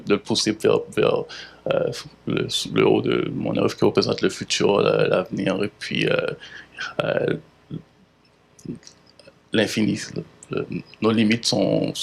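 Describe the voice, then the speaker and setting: A man in his thirties from Haiti with a Haitian French accent, an artist giving halting interview answers full of fillers and restarts. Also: lowish voice. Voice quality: gravelly, husky. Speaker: visual artist.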